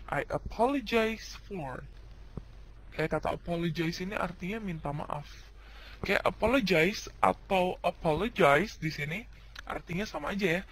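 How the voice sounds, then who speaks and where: A man's voice: high-pitched, a bit bright, a little hiss or hum, low-quality recording. A man giving a casual, upbeat video lesson in slangy everyday speech. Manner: slangy Jakarta-style casual teaching, upbeat. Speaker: English teacher.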